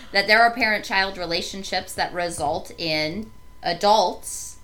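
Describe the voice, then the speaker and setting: Brief: woman co-host with a slightly low voice, earnest and explanatory in casual chat. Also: fairly bright tone. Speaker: podcast co-host. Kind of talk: casual conversational podcast.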